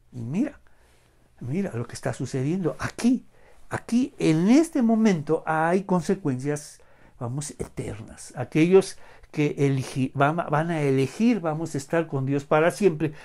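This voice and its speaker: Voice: medium pitch, a little mellow. A Bible study teacher giving an online lesson, speaking emphatically, asking rhetorical questions and often using the filler "vamos".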